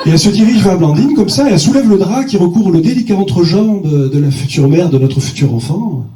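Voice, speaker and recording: A male stand-up comedian telling a bawdy story in a high, dark-toned voice that leaps all over the place. His punchy lines echo through a roomy venue, picked up from a distance. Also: lively intonation, brisk. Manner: bawdy, punchy delivery with sudden voice jumps. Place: comedy stage.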